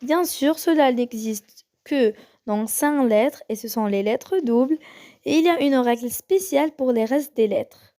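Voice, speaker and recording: Slow-talking woman teaching the Korean alphabet. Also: high voice, dark tone. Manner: slow, hesitant, with many pauses and fillers; repeats each sound slowly for the learner. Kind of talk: casual lesson on the Korean alphabet.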